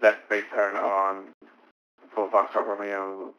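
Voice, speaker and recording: A man making halting pilot radio calls to air traffic control, heard over a radio link. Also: on the low side, completely flat delivery, pushed and bright. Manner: hesitant, with many fillers. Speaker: pilot in a flight simulator. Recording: dull lo-fi radio sound.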